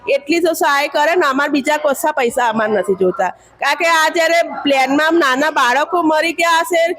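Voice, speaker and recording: Earnest middle-aged woman cook, high voice. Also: moderate pace, fairly bright tone. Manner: earnest, aggrieved, plain-spoken. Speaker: mess cook, crash witness. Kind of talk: emotional eyewitness account.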